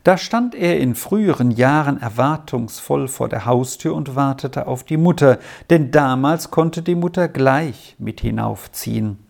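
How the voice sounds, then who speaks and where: Gravelly narrator, measured storybook reading, mid pitch. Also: expressive, darkish tone.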